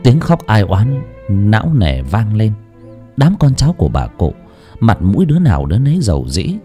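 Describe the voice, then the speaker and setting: A man narrating a story in an expressive, dramatic way. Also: on the low side, normal speed, faint music behind. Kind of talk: scripted audiobook narration.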